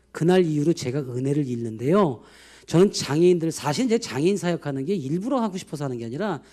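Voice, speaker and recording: A middle-aged male pastor gives an emotional testimony sermon, swinging between loud outbursts and hushed asides. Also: sits high.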